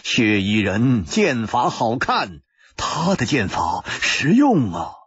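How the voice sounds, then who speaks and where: A tormented young assassin, acted by a male storyteller, torn by loyalty and halting over his words. His voice is husky and breathy, and the dry recording sounds dull and muffled. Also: medium pitch, big pitch swings, fairly bright tone, no echo, heavily acted. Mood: grim. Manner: halting, stammering. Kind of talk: pingshu storytelling.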